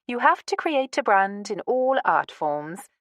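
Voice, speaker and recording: A woman's voice: mid-range voice, very animated, a little slow, a bit bright, no echo. Woman reading as a charming, glamorous woman. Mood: breezy. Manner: charming, breezy.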